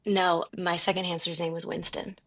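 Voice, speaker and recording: A woman's voice: lowish voice, little pitch movement, moderate pace. A woman co-hosting a podcast in casual chat, talking from inside a closet at home and laughing often. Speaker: podcast co-host.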